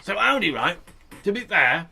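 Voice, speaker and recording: Lively bright-voiced man chatting. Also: high-pitched, moderate pace, vocal fry, husky, soft background music. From United Kingdom. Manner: chatty, joking, reads press release aloud. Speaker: podcast co-host. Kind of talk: casual chat. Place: shed.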